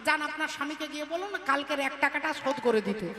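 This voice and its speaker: A woman's voice: high-pitched, rapid-fire, natural voice. A woman voicing the Lord disguised as a stubborn, cheerfully persistent brahmin in a devotional story, in an echoey hall with music behind. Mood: teasing.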